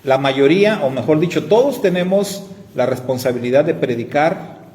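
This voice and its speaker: A man's voice: fairly high pitch, animated, normal speed, a little mellow. A man with a Mexican accent, a pastor teaching a conversational church class with folksy storytelling and tag questions. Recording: long hall reverb, faint noise.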